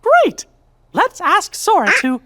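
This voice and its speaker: A small, kindly mouse king speaks in a very high, squeaky falsetto. The delivery is earnest and swings up and down with lively cartoon energy, as in an animated video game. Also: takes it slowly, exaggerated voice. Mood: eager.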